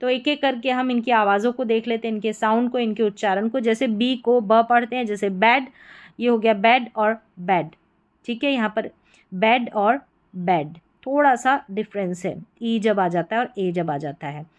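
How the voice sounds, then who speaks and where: A woman explains pronunciation rules to beginners, patient and methodical, restating each point more than once. Her voice is smooth and clear and sits a little high. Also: moderate pace. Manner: patient, repeats points in several words. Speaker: English teacher.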